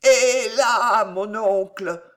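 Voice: medium pitch, fairly bright tone, pitched above the performer's own voice. A reader voicing a drunken, greedy young nephew in a French storybook, slurring and drawing out his words. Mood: insistent. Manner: slurred, drawn-out, wailing.

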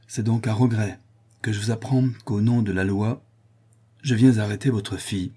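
A man voicing a solemn, measured police commissioner in a low, husky voice. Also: steady tone, mellow. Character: grave, kindly police commissioner.

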